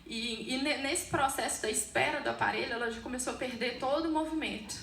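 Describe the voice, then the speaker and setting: A Brazilian woman gives a personal testimony in church, earnest and halting, restarting her sentences as she goes. Her fairly high voice has a gravelly fry, heard from a distance in a roomy hall with faint background noise. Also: a bit bright. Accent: Brazilian Portuguese. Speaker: church member giving testimony.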